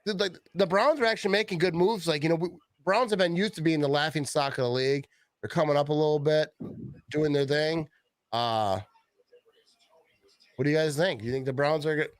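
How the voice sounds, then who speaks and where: A man hosting a casual live draft stream, talking in an easygoing, halting way and greeting viewers. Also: a little high, dry recording.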